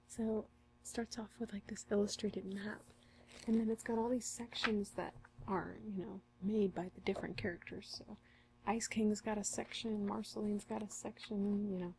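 A young woman in an ASMR role-play as a friendly, helpful librarian, speaking in a soft, intimate library soft voice. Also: mid-range voice, fairly even intonation, moderate pace, a little hiss or hum, poor audio. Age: young adult. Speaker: ASMR performer playing a librarian. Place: small curtained room indoors.

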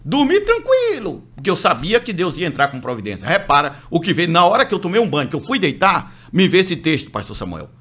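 Animated Brazilian man telling a story. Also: fairly high pitch, fast talker, hardly any pauses. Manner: animated, acts out voices of others in the story. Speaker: guest pastor telling a testimony. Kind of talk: lively storytelling on a radio show.

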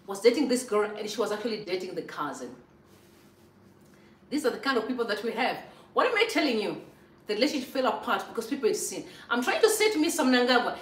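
A woman's voice: on the high side, fairly bright tone. A woman in her thirties from Zimbabwe, talking through political commentary in her home kitchen. She preaches and tells stories with emphatic repetition. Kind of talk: casual political commentary vlog. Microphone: far camera. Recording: echoey kitchen, mic at a distance.

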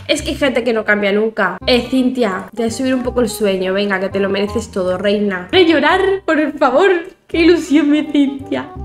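A young woman with a Spain Spanish accent gives chatty, excitable let's-play commentary and talks to the game characters. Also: on the high side. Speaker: gaming YouTuber.

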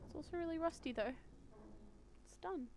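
A young woman streaming a game, reacting excitedly and swearing often. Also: extremely high pitch, normal speed, a little hiss or hum. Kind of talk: live game stream commentary.

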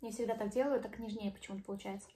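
A woman's voice: mid-range voice, fairly even intonation, rapid-fire, mellow. A young woman talking casually as she eats and chews, like a mother hosting a family mealtime vlog at home. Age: young adult. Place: living room at home, indoors. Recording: home recording with clear background noise, clicks.

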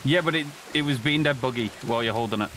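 A man's voice: mid-range voice, fast talker, fairly bright tone, low-quality recording. A man bantering casually with friends as a fellow player in a game. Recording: faint background game noise.

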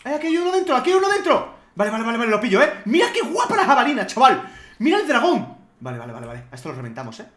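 A man from Spain giving excitable let's play commentary, shouting and swearing at the game. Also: very high-pitched, very fast, echoey room. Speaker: gamer.

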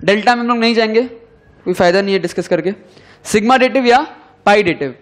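Young guy teaching chemistry, pretty high voice, dictates slow and repeats stuff so you can copy it down, voice sinks at the end of key words. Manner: dictates slowly, repeating phrases for students to write. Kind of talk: classroom lecture.

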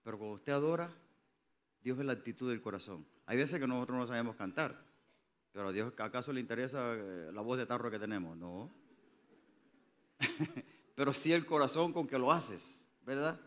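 A man preaching a sermon as pastor, mixing jokey storytelling with loud, fervent calls to the congregation. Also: medium pitch, lively intonation, normal speed, long pauses. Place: church sanctuary.

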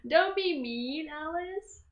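A woman's voice: high-pitched, animated, extremely slow, muffled recording. A young woman in a small bedroom giving casual reaction commentary to an anime episode, giggling and talking back at the screen.

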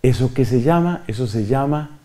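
A man's voice: medium pitch, normal speed. A middle-aged man, preaching a sermon as a priest, asking his listeners questions and acting out quotes. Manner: animated, questions the audience and acts out quotes.

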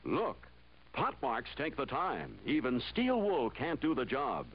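A man's voice: medium pitch, very animated, a little slow. A man announcing a commercial in the manner of a 1950s or 1960s TV broadcast. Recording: muffled old TV film soundtrack, faint hiss.

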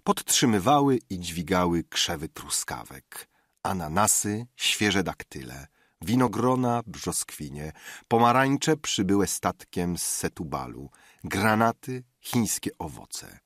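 A man narrating a classic novel in a measured, expressive reading. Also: low-pitched, no room sound, studio quality. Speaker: audiobook narrator. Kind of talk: scripted narration.

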